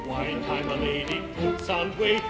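A man singing and acting a boastful, excitable middle-aged pig farmer in an operetta. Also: on the high side, unhurried, over loud music, natural voice. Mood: wry. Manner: blustering, excitable and fussy. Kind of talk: operetta singing and comic dialogue. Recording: old echoey stage recording with orchestra.

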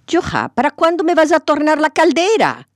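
A woman voicing an indignant neighbor woman who scolds in a shrill, exasperated tone in a told folk tale. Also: huge pitch swings, moderate pace, no echo, studio quality. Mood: scolding.

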